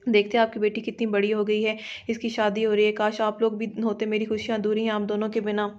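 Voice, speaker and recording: Brief: woman narrator as a timid young bride in an audio novel, even tone, dull sound. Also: mid-range voice, fast talker, natural voice. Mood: sad. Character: shy young bride, orphaned and tearful.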